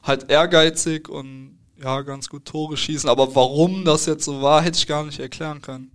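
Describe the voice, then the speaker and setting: A young man, a football player, answering interview questions in a relaxed, hesitant way with fillers and restarts. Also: a little high, moderate pace.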